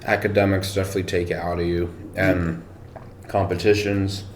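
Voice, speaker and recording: On a podcast, a man with a deep voice chats casually about competing as a powerlifter, thinking aloud and using lots of fillers. He speaks at a moderate pace with little pitch movement, in an echoey room with faint noise.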